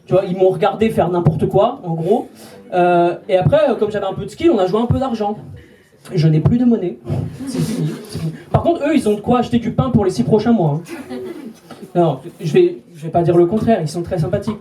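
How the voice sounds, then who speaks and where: A man in his twenties performing a stand-up routine in a comedy club and teasing the audience with quick asides. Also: high voice, dark tone. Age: 20s. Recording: live club recording from a distance with audience laughter.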